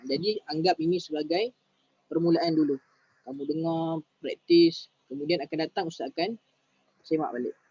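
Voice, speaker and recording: A man with a Malaysian Malay accent teaching Quran recitation on a video call, patient and drawing out each verse slowly. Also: on the high side, darkish tone, slightly rough, lo-fi sound. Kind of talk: online tajwid lesson.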